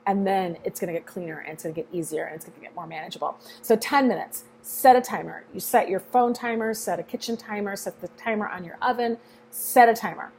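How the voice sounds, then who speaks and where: A woman's voice: mid-range voice, fast, a little mellow, slight background noise. A middle-aged woman coaching a group in a casual, frank and encouraging way, now and then swearing offhandedly.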